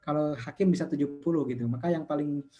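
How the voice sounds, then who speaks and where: A man's voice: on the high side, quick pace, dull audio. A man in his fifties, an investment community founder, explaining money rules in a talk show and acting out callers' questions. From Indonesia. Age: 50s. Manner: explaining with numbers, quotes callers in lively voices.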